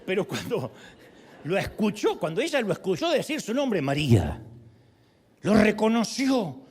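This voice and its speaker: A man's voice: high voice, normal speed, slight background noise. A male pastor preaching a sermon, telling the story with humor and playful asides. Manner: animated storytelling with humor and acted quotes.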